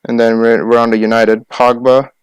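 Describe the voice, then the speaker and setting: A young man co-hosting a casual sports podcast, listing names quickly and arguing his picks. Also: mid-range voice, flat delivery, clear, resonant tone, no room sound. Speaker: podcast co-host.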